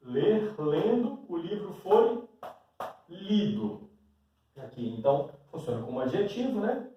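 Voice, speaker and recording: Speaking slowly in a high-pitched voice with big pitch swings, a man with a Brazilian Portuguese accent teaches grammar at a classroom board, frequently asking "né?". The audio is dull with a little hiss or hum, recorded from far away in a very echoey room.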